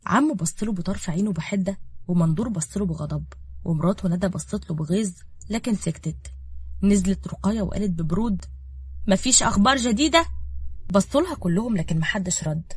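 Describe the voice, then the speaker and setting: A woman's voice: fairly low pitch, mellow, breathy edge, dry recording. A woman with an Egyptian Arabic accent narrating a dramatic village story and voicing its characters. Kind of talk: scripted narration with acted dialogue.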